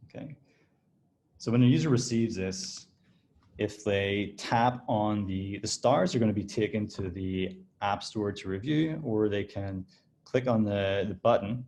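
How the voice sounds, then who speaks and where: A man giving a relaxed, explanatory software walkthrough as a design director, often restarting his phrases as he clicks through a demo. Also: on the low side. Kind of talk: screen-share software walkthrough.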